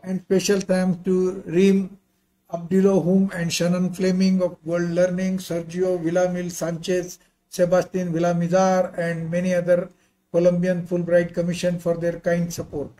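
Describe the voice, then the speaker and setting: A man's voice: high-pitched, monotone, normal speed, mellow, poor audio. An older man giving a slide lecture over a video call in non-native-sounding English, courteous and given to informal, rambling asides. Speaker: visiting pharmacy professor and associate dean.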